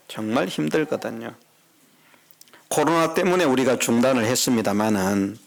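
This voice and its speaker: A man's voice: medium pitch, creaky. A middle-aged man preaching a sermon as pastor in a church, talking conversationally and putting questions to the congregation. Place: church sanctuary.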